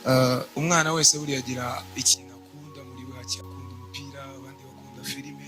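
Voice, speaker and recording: A young man from Rwanda giving a church testimony in short, measured phrases, pausing for an interpreter. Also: medium pitch, little pitch movement, over music. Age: young adult. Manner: measured, speaks in short bursts.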